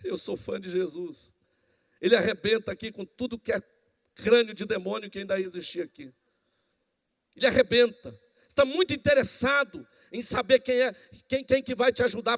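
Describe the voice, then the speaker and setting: A male pastor preaching a sermon, animated and acting out the dialogue of the people in his story. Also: very high-pitched, fairly quick. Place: church hall. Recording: long reverb in a church hall.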